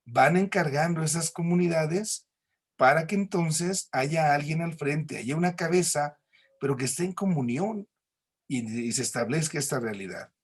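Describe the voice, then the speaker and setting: A man's voice: fairly high pitch, moderate pace, breathy edge. A man with a Mexican accent teaching a recorded church class, explaining patiently with homely examples and frequent tag questions.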